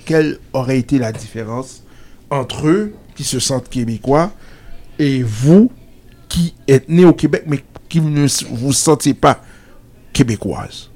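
Husky middle aged guy running the chat, keeps cutting in, pokes fun. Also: medium pitch, expressive, a little slow, a little mellow. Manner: probing, interjecting, teasing. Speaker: host. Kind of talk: casual discussion.

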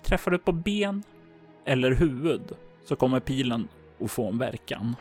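Male game master; measured, descriptive narration at a mid pitch, with soft music in the background. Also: lively intonation.

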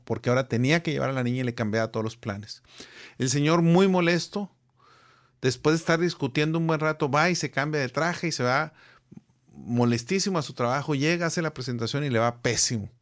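A middle-aged man, a guest speaking on personal growth, who tells anecdotes and acts out the people in them. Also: medium pitch. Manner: animated storyteller, acting out the people in his anecdotes. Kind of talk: conversational storytelling.

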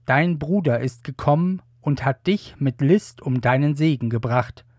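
A man voicing an aged blind patriarch giving blessings, in a solemn, measured reading. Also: a little high, a little mellow, no room sound, clean studio sound.

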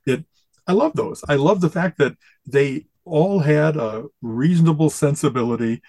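A man's voice: fairly high pitch, normal speed, mellow, no echo. Brief: man, podcast co-host, casual rambling chat, enthusiastic, dead-dry recording. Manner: enthusiastic, rambling, quotes catchphrases with relish.

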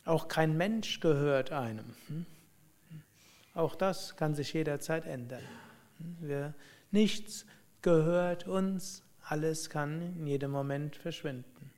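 A man telling a spiritual story and drawing lessons from it, in a reflective, unhurried way with musing hums. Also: a little high, a little mellow. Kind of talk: spoken storytelling and teaching.

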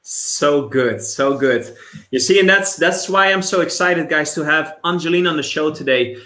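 An eager male host with a fairly high, bright and edgy voice, often restarting his sentences in his excitement. He is heard in a roomy, echoing space. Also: normal speed. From immigrant background. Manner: enthusiastic, stumbling restarts. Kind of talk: hosting a live online interview show.

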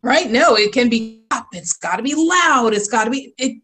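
A woman's voice: on the high side, animated, normal speed, fairly bright tone, soft background music. A woman guest on a video call talking about her design work, gushing and full of fillers. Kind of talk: casual interview.

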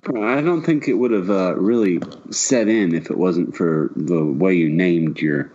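Skeptical low-voiced man, lo-fi. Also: unhurried, a little mellow. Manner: skeptical, questioning. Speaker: podcast co-host. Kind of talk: casual chat. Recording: dull lo-fi mic.

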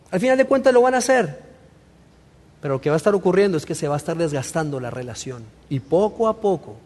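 Male pastor in his thirties, high-pitched voice, casual preaching with emphatic repetition, long hall reverb. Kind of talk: sermon.

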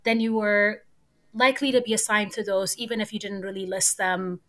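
Animated young woman from Ethiopia. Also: mid-range voice, brisk. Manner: animated, laughs often. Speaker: guest, computer scientist. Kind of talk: casual interview talk.

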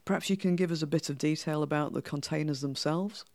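Yorkshire woman hosting with flat vowels. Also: sits low, quick pace. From Yorkshire, England. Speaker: podcast host. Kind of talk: scripted podcast introduction and interviewing.

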